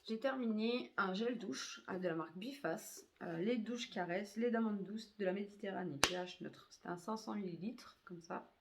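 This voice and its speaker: A woman's voice: medium pitch, moderate pace, few pauses, a little hiss or hum. A woman reviewing used-up beauty products in a chatty way, full of hesitations and fillers. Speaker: beauty vlogger.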